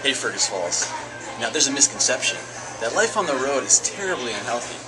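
A man's voice: medium pitch, sing-song, fairly quick, over loud music, rough recording. A young man in his twenties hosting a road-trip vlog in a jokey mock-anchor style, filmed outdoors on a handheld camera. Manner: jokey, mock-formal sign-offs. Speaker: vlog host. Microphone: handheld camera mic. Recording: outdoor camera audio with wind noise.

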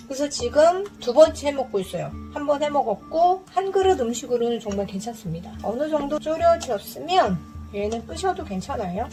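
A woman cooking vlogger giving casual step-by-step narration, chatty and polite as she talks straight to viewers. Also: fairly high pitch.

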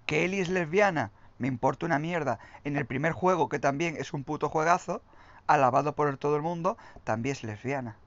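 A man's voice: a little high, a little fast, a bit bright, lo-fi sound. A young man with a Spain Spanish accent, ranting as a gaming commentator in a profane, mocking and emphatic way. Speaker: gaming youtuber.

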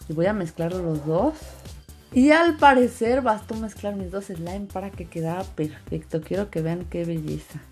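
A woman's voice: on the low side, expressive, normal speed, darkish tone. A woman giving a casual step-by-step craft voice-over, repeating words for emphasis. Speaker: host of a slime craft channel. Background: background music.

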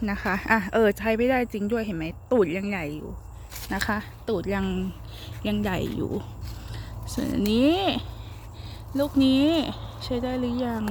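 A woman's voice: medium pitch, a little hiss or hum. A woman chatting casually while showing how to check watermelons in a field, talking politely and tapping the fruit. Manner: chatty, polite particles, taps and listens to fruit. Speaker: organic farm seller. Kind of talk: casual demonstration.

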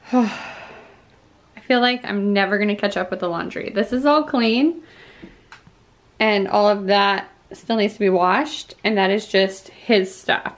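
Chatty mom vlogging at home. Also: female voice, medium pitch, measured pace, long pauses. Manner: chatty, switching to sing-song coaxing with her toddler. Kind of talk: casual home vlog narration.

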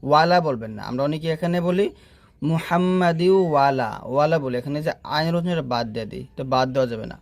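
A man teaching a prayer letter by letter, chanting each phrase slowly and stretching the sounds, then explaining pronunciation in quick asides. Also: medium pitch, vocal fry, no room sound. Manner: slow, drawn-out chanting of the prayer, with quick spoken explanations between. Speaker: Quran recitation teacher. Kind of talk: spelled-out recitation lesson.

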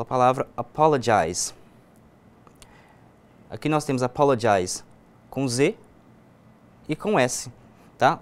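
A man with a Brazilian Portuguese accent teaching a recorded online English class, explaining each point and saying example words slowly. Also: mid-range voice.

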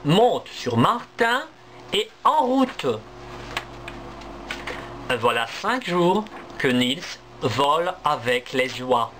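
A man, a language teacher, reading a story aloud for learners in a clear, deliberate, expressive way. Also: on the high side, noisy background.

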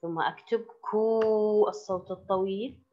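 A woman schoolteacher leads a slow, careful reading lesson for small children, repeating each word so they can follow. Her voice sits fairly high and moves a lot as she stresses the words. The recording is a bit muffled. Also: big pitch swings. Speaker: primary school teacher. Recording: slightly dull lo-fi recording.

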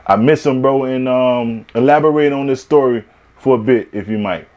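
A man from Miami leads a relaxed interview, throwing in slang and nudging his guest to tell stories. His voice sits in an ordinary middle range for a man. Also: medium pitch, normal speed, lo-fi sound. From Miami, Florida. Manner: friendly, slangy, prompting questions. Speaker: interviewer, host. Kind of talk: casual interview chat.

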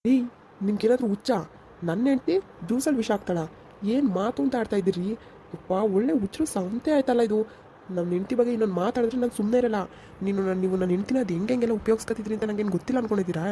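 Hot-headed young husband, a woman acting him in a village skit, fast scolding, very dark voice. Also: mid-range voice, a little hiss or hum, natural voice. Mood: angry. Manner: scolding, rapid outbursts. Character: young husband, short-tempered and defensive of his wife.

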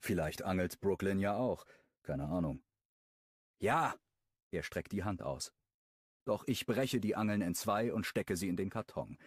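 A man narrating a romance audiobook in first person, telling the story in a lively way. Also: low voice, normal speed, dry recording. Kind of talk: scripted narration.

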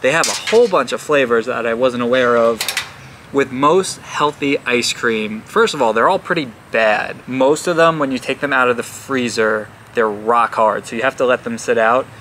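A young man talks through a food review outdoors in a chatty, self-deprecating way, tripping over unfamiliar names. His voice is bright and a little tense, sitting at a middle pitch for a man. Faint outdoor noise sits behind him. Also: normal speed. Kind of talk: casual vlog review.

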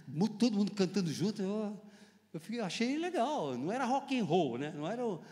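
A man with a Brazilian Portuguese accent preaching a testimony to a live congregation, animated and joking with the audience, breaking into shouted exclamations. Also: high voice, fairly quick. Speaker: guest preacher. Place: church hall with live audience. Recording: long hall reverb.

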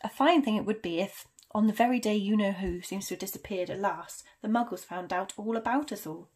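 A woman's voice: mid-range voice, a little fast, a little mellow, natural voice. Woman acting out stern, indignant Professor McGonagall. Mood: irritable. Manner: clipped, indignant, emphatic. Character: stern, impatient, proper witch professor, easily flustered. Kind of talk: storybook character reading.

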